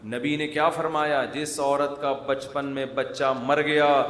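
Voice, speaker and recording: Joking preacher, echoey hall. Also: male voice, fairly high pitch, level tone, fairly bright tone. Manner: jokes mixed with earnest advice, asks and answers own questions. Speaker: Islamic preacher. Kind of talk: humorous sermon. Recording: echoey hall with faint ambience.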